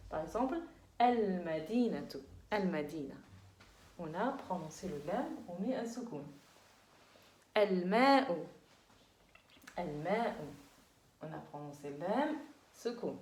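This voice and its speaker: A woman teaching a language lesson, patiently repeating words slowly and often checking that her students understand. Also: fairly low pitch, animated, warm tone, echoey room. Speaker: Arabic teacher.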